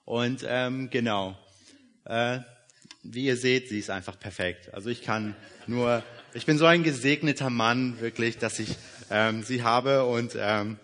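A man's voice: medium pitch, unhurried, fairly bright tone. A young man from Iran, raised in Germany, preaching a sermon in a casual, joking way, with many fillers. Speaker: guest preacher. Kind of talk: sermon with personal introduction.

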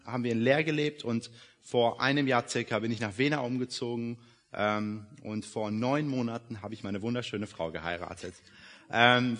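Young male preacher from Iran, relaxed joking delivery, mid-range voice. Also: medium pitch. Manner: casual and joking, many fillers. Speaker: guest preacher. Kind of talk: sermon with personal introduction.

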